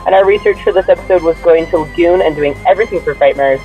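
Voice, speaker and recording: A man's voice: on the high side, fast, a little mellow, soft background music. A man hosting a podcast in a casual, chatty style. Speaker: podcast host. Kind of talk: casual chat. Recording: dull lo-fi makeshift recording.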